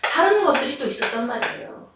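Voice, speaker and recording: A woman's voice: fairly high pitch, very animated, fast talker, noisy background. A middle-aged woman, a family counselor, explaining anger and personal rules with everyday examples and acting out the arguments she quotes. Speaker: family counseling center director. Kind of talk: lecture on anger coaching. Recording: very echoey room, voice from a distance.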